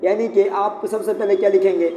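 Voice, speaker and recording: A man's voice: high voice, steady tone, brisk, mellow. A man teaching English grammar, patiently explaining each step and repeating key points. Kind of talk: classroom lesson at a whiteboard. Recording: echoey room, faint background noise.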